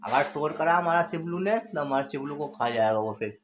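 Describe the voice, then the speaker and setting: Playful dad vlogging at home. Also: male voice, on the high side, lively intonation, moderate pace. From Uttarakhand, India. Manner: playful, chuckling, sing-song teasing with a small child. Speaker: family vlogger. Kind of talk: casual home vlog, talking to his toddler. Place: family home, indoors. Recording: noisy home phone recording.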